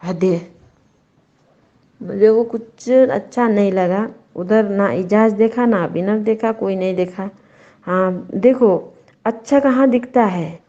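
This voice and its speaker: A woman, talking slowly and bluntly about a reality show, scolding and stopping to restart her sentences. Her voice is dark and mellow. The recording is dull and lo-fi. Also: mid-range voice. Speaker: show reviewer. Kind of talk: casual opinion chat.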